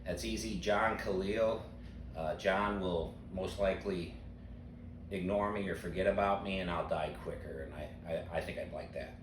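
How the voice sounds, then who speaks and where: Recorded far from the mic in a roomy, noisy space, a retiring teacher gives sarcastic interview answers. He's an older man with a very low voice, speaking at normal speed with bone-dry, deadpan humor.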